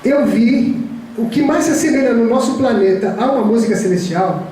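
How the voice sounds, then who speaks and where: A man's voice: extremely high pitch, normal speed, mellow, a little hiss or hum. A man giving a reflective spiritist talk, telling a personal story with many restarts. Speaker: lecturer. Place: lecture hall. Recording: very echoey hall from far off.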